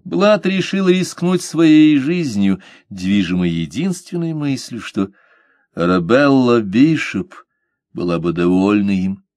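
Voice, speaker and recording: A man reading an adventure novel aloud as narrator, in a steady, measured manner. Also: mid-range voice, dry recording, studio quality. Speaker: audiobook narrator. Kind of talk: scripted narration.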